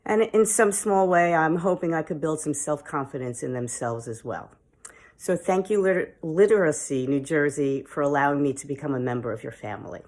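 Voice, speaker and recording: Low-voiced, eager woman tutor. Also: brisk, darkish tone. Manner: upbeat, eager, talkative. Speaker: volunteer literacy tutor. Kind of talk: recorded video message.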